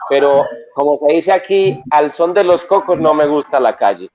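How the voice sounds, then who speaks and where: A Colombian male singer talks in an animated, storytelling way, his voice sitting a little high for a man. The sound is dull and lo-fi, like a remote line into the show. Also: normal speed. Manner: lively, storytelling, enthusiastic. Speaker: singer and songwriter guest. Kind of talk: casual interview chat.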